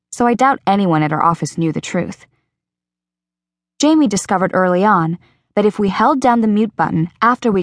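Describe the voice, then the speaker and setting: A woman reading an audiobook in first person, with even, measured storytelling. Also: on the low side, no echo, studio quality. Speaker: audiobook narrator. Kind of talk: first-person scripted narration.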